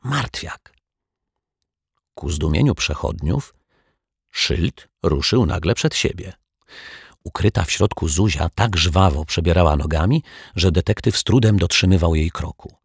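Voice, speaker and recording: Deep husky guy reading a kids story, dry close mic. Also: moderate pace, no echo. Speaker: audiobook narrator. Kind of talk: scripted storybook narration.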